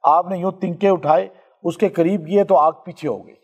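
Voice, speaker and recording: High-voiced male preacher telling a story. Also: steady tone, slightly rough. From Pakistan. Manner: storytelling, asks listeners questions, slows down for recited scripture. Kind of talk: sermon.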